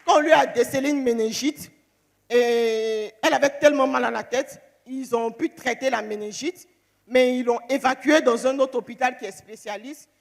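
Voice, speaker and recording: High-voiced woman telling her testimony. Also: moderate pace, vocal fry, long reverb tail. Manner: animated storytelling, acting out phone calls. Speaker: churchgoer giving a testimony. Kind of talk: emotional church testimony.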